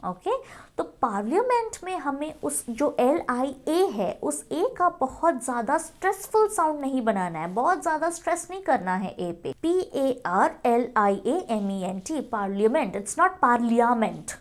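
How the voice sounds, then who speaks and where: A woman's voice: sits high, very animated, normal speed. A woman teaching English spelling in a mix of Hindi and English, spelling words letter by letter and often saying "okay". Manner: addresses viewers as friends, frequent "okay".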